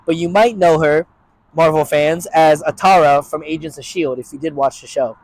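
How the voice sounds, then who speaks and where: Male reviewer paying a subdued, halting tribute, a slightly higher voice, dry close recording. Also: darkish tone, dry recording, low-quality recording. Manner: somber, halting. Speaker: TV episode reviewer.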